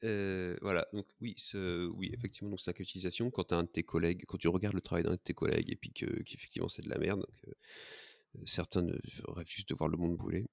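A man's voice: deep voice, fairly even intonation, fast, gravelly, no room sound. A man hosting a casual podcast, joking and hesitating with many fillers. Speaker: podcast host.

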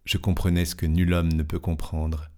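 A man reading a classic fantastic tale aloud in a measured, expressive way, lingering over descriptions. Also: low-pitched. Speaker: narrator.

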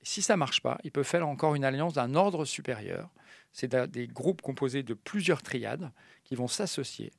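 A man with a gravelly, fry-tinged voice explains animal behavior as a guest on a science radio interview. He talks in a lively way, often breaking off and restarting phrases. The sound is dry and close. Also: mid-range voice, normal speed, dry recording. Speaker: expert guest.

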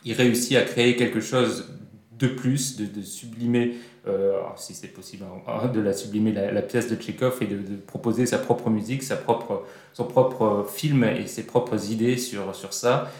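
A man's voice: fairly low pitch, fairly even intonation, normal speed, a little mellow. A man hosting a casual film discussion, talking with frequent fillers and restarts. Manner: hesitant, with many fillers and restarts. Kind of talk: casual film review chat. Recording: roomy echo.

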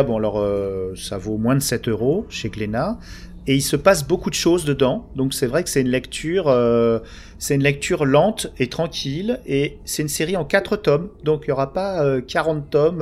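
A man's voice: medium pitch, a little mellow, slight background noise. A man hosting a casual podcast chat, talking in a hesitant way and stammering and repeating words often. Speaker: podcast host.

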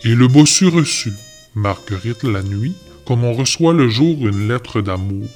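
A man recites a poetic tale in a wry, playful manner, his voice sitting in an ordinary middle pitch. A guitar plays faintly underneath the telling. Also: animated, unhurried, a little mellow. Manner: wry, wordplay-laden telling. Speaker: narrator.

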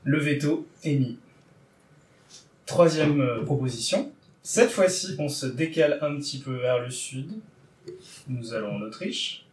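A man's voice: mid-range voice, measured pace, long pauses, darkish tone, far from the mic. A man hosting a podcast segment, talking in a playful, wordy, teasing way. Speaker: podcast host running a book draw. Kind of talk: casual podcast chat. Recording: roomy, a little off-mic.

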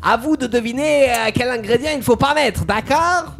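A woman doing a smooth German club boss. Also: high voice, normal speed, soft background music.

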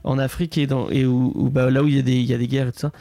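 A man hosting a casual podcast chat, halting and searching for his words as he goes. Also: mid-range voice, level tone, vocal fry, warm tone, dry recording. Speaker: podcast host.

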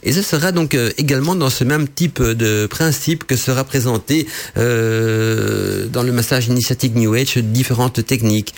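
Man, radio host, stuffy nasal voice, slightly hoarse with a cold, medium pitch, halting explanatory delivery. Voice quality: nasal, congested voice. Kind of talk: esoteric radio talk.

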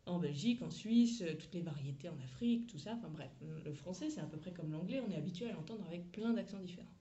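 A woman's voice: fairly low pitch, expressive, quick pace, dark tone, dull audio. A woman who teaches English, talking through a lesson in a chatty, frank way with slang and asides. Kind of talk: casual teaching monologue.

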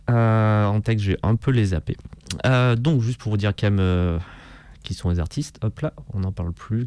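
A man's voice: lowish voice, dark tone, no echo. A man hosting a radio show, talking casually and rambling with many fillers and restarts. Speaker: radio host.

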